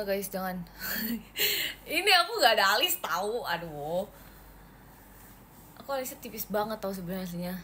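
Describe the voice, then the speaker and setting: A young woman chats playfully on a phone livestream, reading out fan comments and giggling between replies. Her voice sits at a middle pitch. A faint hiss hangs behind her. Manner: chatty, playful, giggly, reads comments aloud. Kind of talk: casual livestream chat.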